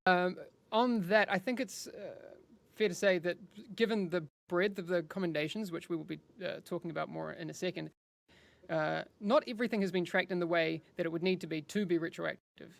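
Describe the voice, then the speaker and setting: Man, stream host, chatty, rambling, gravelly fry, live studio interview. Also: high-pitched, steady tone, fairly quick, no room sound. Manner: chatty and rambling, with frequent restarts. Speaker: livestream host interviewing developers.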